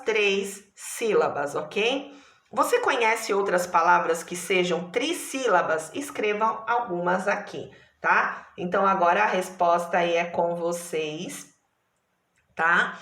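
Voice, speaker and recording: A woman's voice: mid-range voice, sharp tone, echoey room. A Brazilian woman teacher giving a primary school lesson, patient, stretching out syllables and checking in often. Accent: Brazilian Portuguese. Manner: patient, slow, drawn-out syllables with frequent checks.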